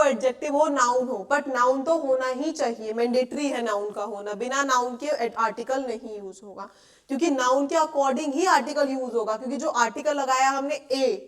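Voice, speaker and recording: A young woman with an Indian accent gives a classroom grammar lesson in a high, clear voice. She explains patiently and keeps asking the class whether it is clear. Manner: explains patiently, asks checking questions often. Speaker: English teacher. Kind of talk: classroom lecture.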